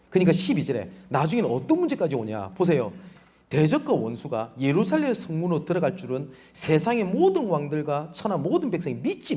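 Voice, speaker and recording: A man's voice: on the high side, warm tone. A male pastor preaching a sermon, pressing rhetorical questions on the congregation. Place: church sanctuary.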